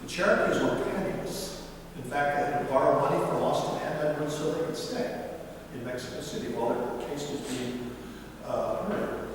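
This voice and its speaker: A man's voice: on the high side, normal speed, noisy background. A man giving a conversational history lecture in a library, acting out quoted letters with wry humor. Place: library meeting room. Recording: echoey hall recorded from far off.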